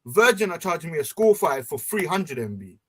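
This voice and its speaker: A man's voice: a little high, brisk. A young man talking casually and promoting an event, heard over a group voice chat on the internet. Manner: animated, promotional, street slang. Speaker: panel member.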